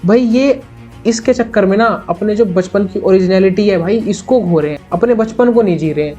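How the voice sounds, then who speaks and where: A man's voice: high voice, normal speed, warm tone, dull audio, faint music behind. A young man hosting his own video channel, giving his opinion in a casual, earnest and chatty way, and often calling his listeners "brother". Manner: earnest, chatty, constantly says "bhai". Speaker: YouTube reaction host.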